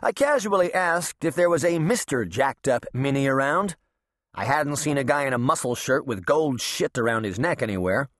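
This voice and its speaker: A man's voice: mid-range voice, animated, moderate pace, a bit bright, no room sound, clean studio sound. A man narrating an audiobook in a wry, sardonic first-person voice. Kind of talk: scripted narration.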